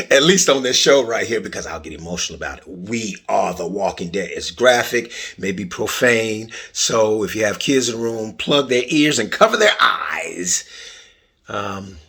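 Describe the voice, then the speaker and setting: A man's voice: fairly low pitch, animated, a little slow, creaky, pushed and bright, slightly rough. A middle-aged man hosting a podcast, talking casually and playfully straight to his viewers with jokes. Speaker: podcast host.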